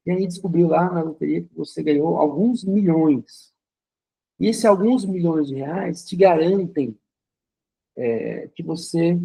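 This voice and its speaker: Gravelly-voiced man teaching a class. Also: a little high, mellow, poor audio. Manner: conversational, uses vivid hypothetical examples; frequent checking fillers. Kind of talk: recorded lecture.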